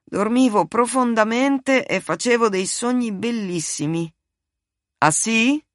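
A woman's voice: a little high, slow, no echo, studio quality, voice pushed up. A woman reading the part of a sleepy, vain, self-assured man who speaks in a drowsy, dismissive way. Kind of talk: audiobook reading.

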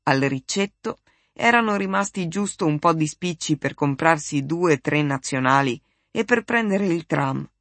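Calm audiobook reader telling a novel, mid pitch, very dry close sound. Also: measured pace, dry recording. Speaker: audiobook narrator. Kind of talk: literary narration.

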